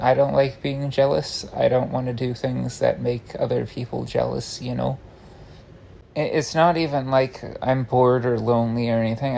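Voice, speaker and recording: A man with a gravelly, creaky voice giving a casual confessional monologue, meandering and hesitant, often breaking off and restarting his sentences. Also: mid-range voice, warm tone, rough recording. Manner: hesitant, meandering, self-interrupting with frequent false starts. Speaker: online content creator. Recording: faint background noise.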